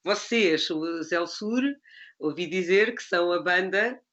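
A man with a European Portuguese accent conducts a casual interview. His voice is high and bright, though the recording is slightly lo-fi. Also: takes it slowly.

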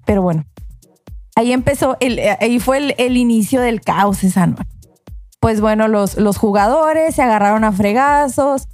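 A woman's voice: fairly high pitch, moderate pace, no echo, faint music behind. A woman telling a long anecdote in casual podcast chat, acting out the voices of the people in it. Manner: animated, acts out voices in her anecdote. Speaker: podcast co-host telling a story.

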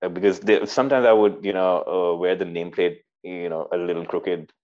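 A man with a Pakistani accent and a deep voice chats informally as he tells stories. He often stumbles and repeats words as he goes. The recording sounds a little muffled. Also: fairly even intonation, a little fast. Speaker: interview guest, former army cadet. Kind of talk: casual conversational storytelling.

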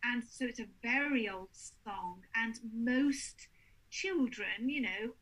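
A woman's voice: on the high side, slow, rough recording. A woman, a paranormal investigator telling stories in casual chat and acting out the people she quotes. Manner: animated storyteller, acts out quotes.

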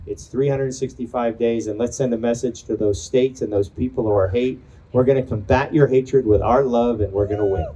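An older man speaks with a mellow, warm tone at an outdoor rally, earnest and emphatic as he rouses those gathered. Faint ambient noise sits behind his voice. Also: mid-range voice, fairly even intonation, fairly quick, dull audio. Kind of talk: impassioned outdoor rally speech. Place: outdoor community event.

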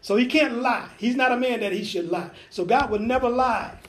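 A man's voice: very high-pitched, moderate pace, a little hiss or hum. A man preaching a sermon, peppering it with amens and hallelujahs, folksy asides and acted-out biblical dialogue. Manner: acts out biblical dialogue in changing voices.

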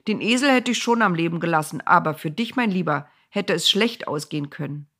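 A woman's voice: lowish voice, lively intonation, a little fast, fairly bright tone, slightly rough, full character voice. A woman voicing a stern male angel with a flaming sword. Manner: stern, unmoved.

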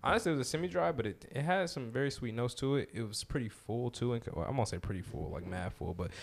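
A man's voice: medium pitch, fast, creaky. An American man hosting a podcast in casual, slangy banter. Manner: slangy, animated. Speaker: podcast host.

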